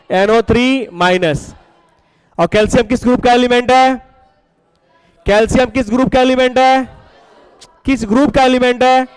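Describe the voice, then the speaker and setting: Man, classroom chemistry teacher, coaxing and quizzing, clear and dry. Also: extremely high pitch, no echo, poor audio. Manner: coaxing, asks the class questions and repeats answers. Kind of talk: classroom lecture.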